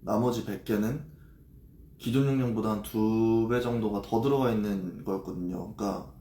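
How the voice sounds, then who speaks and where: A man livestreaming and speaking in a halting, hesitant confessional way, with frequent pauses and fillers. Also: fairly low pitch, fairly even intonation, mellow, echoey room.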